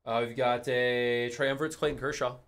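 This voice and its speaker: In a studio, a young man hosts a live card break, casually chatting as he calls out each card he pulls and getting excited on the big hits. His voice is medium in pitch and moves at a moderate pace.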